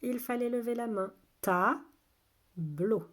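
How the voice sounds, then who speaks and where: A woman teaching a phonics lesson to young children, saying each word slowly twice in an exaggerated way, patient and clear. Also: medium pitch, darkish tone. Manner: slow, exaggerated word pronunciation. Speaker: kindergarten teacher.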